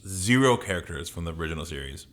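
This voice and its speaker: A man's voice: low-pitched, lively intonation, fast, fairly bright tone. A man co-hosting a podcast, chatting casually in a rambling, opinionated rant with plenty of swearing. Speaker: podcast co-host. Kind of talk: casual ranting podcast chat.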